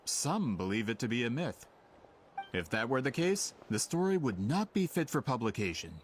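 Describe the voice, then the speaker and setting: In this video game performance, a man plays a self-assured author who is somewhat impatient and pushy in chasing a story. His medium-pitched delivery has big pitch swings at a moderate pace and is lightly acted, with background noise present.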